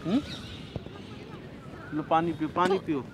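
A man's voice: on the high side, steady tone, a little slow, over a noisy crowd. A man talking worriedly and insistently in casual home video talk. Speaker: prank target. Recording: noisy home video recording.

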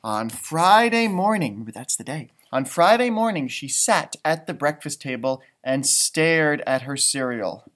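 An American man in his thirties reads a children's storybook aloud to schoolchildren in a small indoor library room, animated and expressive. He adds chatty asides about the pictures, his voice a little high and unhurried with few pauses.

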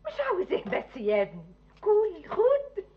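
A woman's voice: very high voice, huge pitch swings, moderate pace, exaggerated voice. An actress playing a pushy, doting middle-aged village mother with a rural Egyptian accent, coaxing and scolding her son. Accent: rural Egyptian Arabic. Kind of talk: TV drama acting. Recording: dull lo-fi TV soundtrack.

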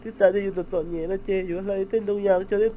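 A man's voice: sits high, steady tone, fast, narrow, tinny audio, slight background noise. A man rambling in casual conversation, coming back to the same phrases.

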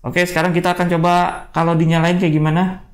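A man's voice: a little high, level tone, fast talker. A man giving a casual product review, chatty and addressing viewers often. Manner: chatty, says "guys" a lot. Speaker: tech reviewer.

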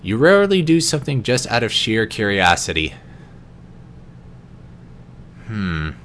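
A man with a low voice reads personality quiz questions aloud in an unscripted video, his pitch rising and falling a lot. He answers each one in a softer, lower tone, with the occasional stumble and restart. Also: sing-song, normal speed, slight background noise. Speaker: vlogger.

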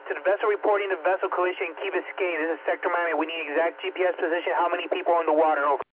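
A man working as a Coast Guard radio operator, speaking in brisk, formal radio procedure over marine VHF radio. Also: a little high, fairly even intonation. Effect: marine VHF radio transmission. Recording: narrow-band radio with chatter behind.

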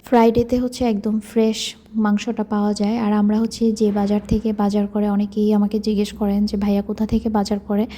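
Young woman, from Bangladesh, cooking vlog voice-over, soft-spoken, chatty, very mellow dark tone. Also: mid-range voice. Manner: speaks softly so her child can sleep; chatty, leans on filler words. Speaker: cooking vlogger. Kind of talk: casual voice-over narration.

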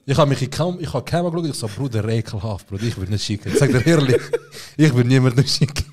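A man with a mid-range voice co-hosts a relaxed podcast chat. He tells slangy stories and acts out the exchanges in them. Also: medium pitch, fast talker. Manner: slangy, relaxed storyteller with acted quotes. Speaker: podcast co-host. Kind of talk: casual chat, storytelling.

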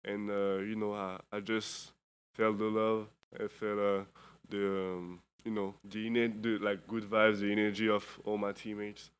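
Tired young guy at a postgame presser mic, low smooth voice, lots of ums and restarts. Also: level tone. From Europe. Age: 20s. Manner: halting, with many fillers and restarts. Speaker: basketball player. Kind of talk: postgame press conference answers. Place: indoor press conference room. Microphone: table microphone.

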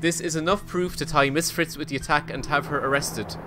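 A man's voice: fairly high pitch, a little fast, music in the background, lightly acted. A man reading aloud the lines of an earnest video game action hero in a theatrical way.

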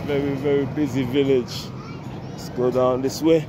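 Walking through a lively outdoor village market, a travel vlogger from the Caribbean, aged in his forties, speaks to his selfie camera at arm's length in slow, laid-back narration and warmly greets passersby. His voice sits at a medium pitch with little variation, and street noise plays behind it.

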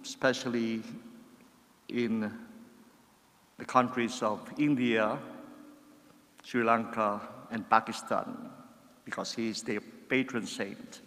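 Middle-aged man, priest, homily at a lectern, slow deliberate delivery, long church reverb on the lectern mic. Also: on the low side, steady tone, fairly bright tone. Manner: slow, measured preaching with rising emphasis.

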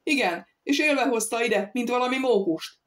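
Brief: woman doing a proud, shrill noblewoman for an audiobook, oratorical and accusing, pitched up. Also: expressive, lightly acted. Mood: indignant. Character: haughty indignant lady of the house. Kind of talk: audiobook character reading.

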